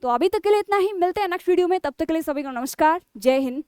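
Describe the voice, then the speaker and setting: A woman's voice: extremely high pitch, expressive, very fast, a little mellow, no echo. A woman teaching a Hindi grammar lesson for exam preparation. She keeps asking her students questions and then answers them herself.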